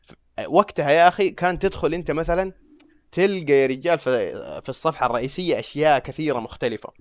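A man's voice: a little high, quick pace, no room sound. A man co-hosting a podcast in casual chat, often checking that his listener follows him. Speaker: podcast co-host. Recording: dry, dull lo-fi sound.

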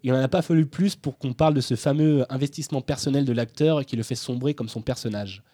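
A man's voice: mid-range voice, quick pace, warm tone. A young man presenting a film segment in a casual student show, hesitant and full of fillers. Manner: hesitant, filler-heavy delivery. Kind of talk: casual chat.

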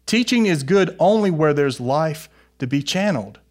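Higher-voiced man preaching a sermon. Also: lively intonation, normal speed, a little mellow. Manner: earnest, exhorting, puts questions to listeners. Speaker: pastor preaching to his congregation.

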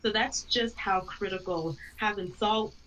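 A woman's voice: mid-range voice, unhurried, fairly bright tone. A young woman from Jamaica, a podcast guest chatting casually with lots of "like" and "you know". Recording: slightly dull sound with faint noise.

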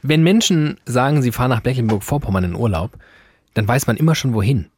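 A man's voice: mid-range voice, expressive, a little fast, darkish tone, slight background noise. A man co-hosting a podcast in a studio, teasing his partner with dry, mock-lecturing remarks in casual banter. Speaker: podcast co-host.

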